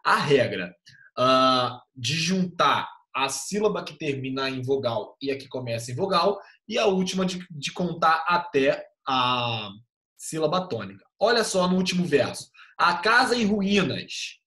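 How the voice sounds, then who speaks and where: A man's voice: mid-range voice, lively intonation, unhurried, pushed and bright. A young male teacher giving an online class over a computer mic, explaining step by step in a patient, casual way with easygoing slang.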